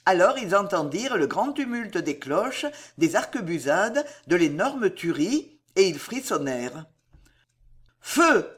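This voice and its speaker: Expressive audiobook narrator, lively pitch. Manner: measured, expressive storytelling. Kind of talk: dramatic novel narration.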